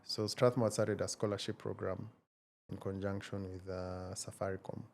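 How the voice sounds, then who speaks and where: A man in his forties with a low, gravelly voice talks through his story at a measured, thoughtful pace. He pauses often to find his words, and a faint hiss of noise sits under the recording. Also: level tone, a little mellow. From Kenya. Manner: measured and reflective, many hesitations. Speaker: guest, tech founder. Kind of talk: casual interview conversation.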